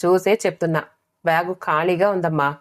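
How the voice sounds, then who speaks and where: A woman playing a young married elder sister in a storybook, brisk and direct. She keeps her lowish voice steady and calm as she settles her family. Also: no echo, close to an everyday voice. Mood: blunt.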